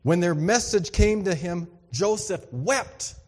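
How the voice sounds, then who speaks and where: A male pastor preaching a conversational sermon, swinging from emphatic bursts to hushed asides. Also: high-pitched, animated, slow, long reverb tail.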